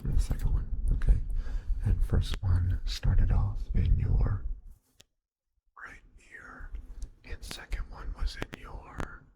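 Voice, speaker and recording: A young man whispering softly and patiently through an ASMR hearing test roleplay, giving step-by-step instructions and quiet praise. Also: low voice, monotone, slow, pauses often, low-quality recording.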